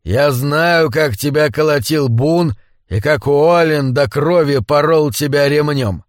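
A man voicing a haughty, bad-tempered old man in a wheelchair, domineering and prone to shouting, in an audiobook. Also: on the high side, takes it slowly, no echo, studio quality. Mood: menacing. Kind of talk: audiobook character voice.

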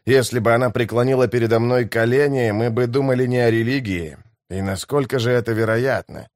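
A man voicing a brooding male swordsman who mutters in a low, wry voice. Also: brisk, dry recording, clean studio sound, lightly acted.

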